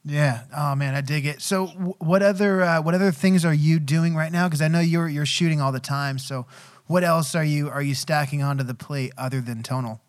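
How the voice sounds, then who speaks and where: A man's voice: fairly high pitch, moderate pace. Easygoing male podcast host. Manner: relaxed, encouraging interviewer. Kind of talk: casual interview questions.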